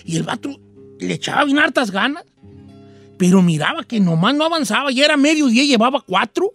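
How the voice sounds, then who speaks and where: A man's voice: very high voice, animated, brisk, a bit bright, faint music behind. A male radio host with a Mexican Spanish accent tells a comic folk tale in a chatty, slangy way and makes his own sound effects. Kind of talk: comic folksy storytelling.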